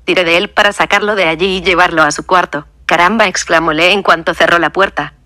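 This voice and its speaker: A woman's voice: on the low side, steady tone, fast talker, pushed and bright, dry recording, clean studio sound. Woman narrating a first-person audiobook. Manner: reads punctuation aloud.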